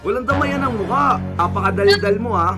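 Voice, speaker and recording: A young man streaming a game and trash-talking an opponent, taunting and bursting into shouted insults. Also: high voice, expressive, fairly quick, over loud music. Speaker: gaming streamer. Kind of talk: mocking trash talk over game voice chat.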